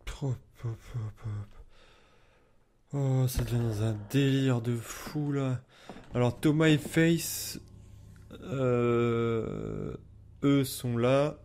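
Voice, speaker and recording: A man's voice: mid-range voice, big pitch swings, very slow, a little mellow, a little hiss or hum. A man giving casual let's play commentary, informal and hesitant as he thinks aloud. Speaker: let's player.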